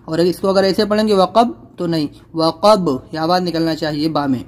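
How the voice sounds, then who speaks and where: A man teaching Quran recitation, switching between slow drawn-out chanted verses and plain explanation, repeating words patiently to drill each sound. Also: fairly high pitch, a little mellow.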